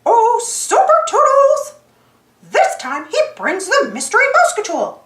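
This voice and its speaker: A woman plays a cheerful little cartoon mouse hero, very high and eager. He exclaims his way through a storybook adventure with wildly swinging pitch, in a roomy echo. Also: wildly swooping pitch, a little slow, fairly bright tone, exaggerated voice. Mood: upbeat.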